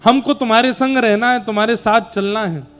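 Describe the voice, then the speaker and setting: A male storyteller voicing a tender deity who gently pleads with his devotee in a devotional tale. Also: very high-pitched, fairly even intonation, a little fast. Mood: pleading.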